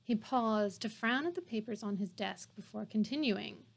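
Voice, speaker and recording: A woman's voice: medium pitch, normal speed, creaky. A woman hosting a podcast, reading a novel aloud with wry, sarcastic asides between passages. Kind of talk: casual read-aloud with joking asides.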